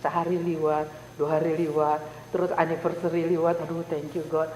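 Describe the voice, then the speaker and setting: A woman giving an animated personal testimony to a group, repeating words for emphasis as she tells the story. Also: deep voice, fairly quick. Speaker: Bible study member giving a testimony. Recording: roomy hall reverb, faint hiss.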